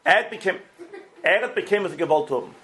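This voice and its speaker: A man telling a religious parable in halting, informal speech, often repeating and restarting phrases and switching in English words. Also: high-pitched, lively intonation, pushed and bright. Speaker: storyteller.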